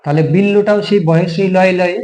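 Man, high voice, grammar teacher, patient and repetitive, echoey room. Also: fairly even intonation, fast, a little mellow. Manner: explaining patiently, repeating words for emphasis. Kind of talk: grammar lesson.

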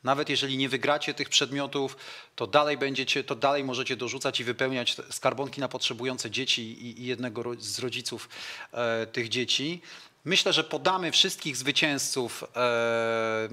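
A man with a Polish accent hosting a call-in sports show, chatting with callers and telling animated stories. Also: mid-range voice, moderate pace. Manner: animated storyteller who acts out other people's lines. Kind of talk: lively studio chat with callers.

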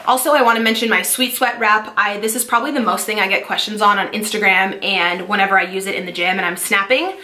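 A woman in her twenties from California, chatting quickly and eagerly about fitness products she uses. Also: medium pitch, steady tone, sharp tone, reverberant, slight background noise. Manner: fast, chatty, enthusiastic. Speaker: fitness vlogger. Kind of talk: casual product-review vlog.

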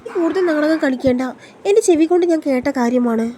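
Angry young guy making threats, high-ish voice, as a lady reads him out. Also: fast talker, a little hiss or hum, natural voice. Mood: furious. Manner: shouting demands and threats. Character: furious young man confronting his cousin.

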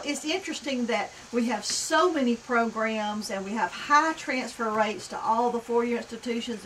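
A middle-aged woman talks up her college as a guest, articulate and upbeat with a few hesitations. Her voice is a touch high, caught from a distance outdoors with faint background noise. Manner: articulate, promotional, with fillers. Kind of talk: casual interview chat. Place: outdoor patio set with garden.

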